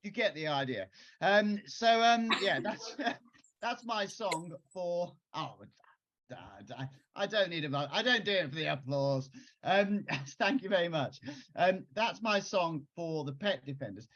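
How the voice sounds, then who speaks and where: A man's voice: high-pitched, lively intonation, unhurried, fairly bright tone, highs cut off. A man, a children's author, talking casually on a video call and performing his own songs and raps at a piano. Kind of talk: casual talk with singing and rapping. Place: at a piano, home. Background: piano music.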